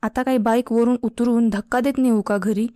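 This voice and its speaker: A woman's voice: a little high, steady tone, normal speed, dark tone, no room sound, clean studio sound, close to an everyday voice. A woman voicing an irritated young male college student who keeps complaining, in a spoken storybook. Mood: annoyed.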